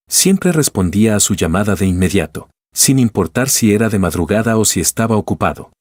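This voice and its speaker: Male narrator for a drama story, low and slightly husky, measured reading. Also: darkish tone, no room sound, clean studio sound.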